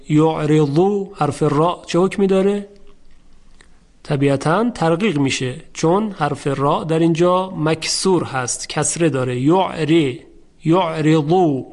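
Male recitation teacher, somewhat high-pitched, measured and patient, slows down to show each word. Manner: measured, repeats words slowly to demonstrate. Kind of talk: recitation lesson, explaining rules and chanting verses.

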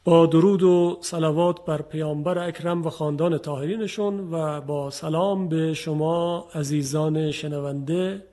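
A man's voice: fairly high pitch, warm tone. A man teaching Quran recitation on a radio program, explaining patiently and speaking directly to his listeners. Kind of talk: radio lesson on tajwid.

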